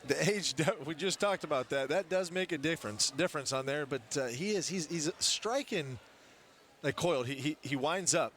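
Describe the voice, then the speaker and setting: A man's voice: a little high, normal speed, a bit bright. A man giving conversational color commentary at a live fight. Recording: noisy live event background.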